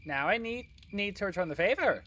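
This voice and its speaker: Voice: mid-range voice, expressive, a little fast, a bit bright, a little hiss or hum, lightly acted. A gamer voicing a friendly, chatty villager from a video game, in a slightly raised voice. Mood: grateful.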